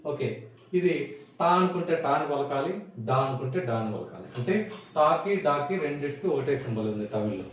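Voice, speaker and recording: A man teaching a Tamil script lesson, explaining each step patiently and asking simple questions as he goes. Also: medium pitch. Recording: echoey room, mic at a distance, faint noise.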